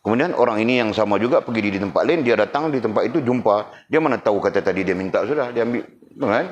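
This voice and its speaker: Low-voiced man teaching a religious class. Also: lively intonation, fast talker, highs cut off. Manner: keeps checking the class understands, teasing jokes.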